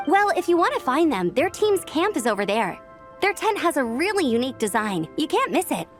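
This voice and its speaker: A woman's high voice with big pitch swings and a slightly fast pace plays a perky young contest staffer in a video game. She's friendly and excited, upbeat and chatty, with faint music playing behind her.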